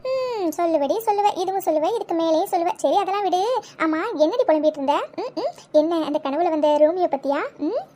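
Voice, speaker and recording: A woman voicing a sharp-tongued young female friend in a cartoon serial who teases relentlessly. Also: very high-pitched, lively intonation. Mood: teasing. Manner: mocking, quick teasing retorts.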